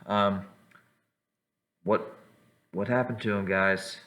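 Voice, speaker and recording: A man's voice: lowish voice, steady tone, takes it slowly, fairly bright tone. A man voicing a flustered, fussy male tavern keeper in a tabletop game, stammering out anxious exclamations. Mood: alarmed.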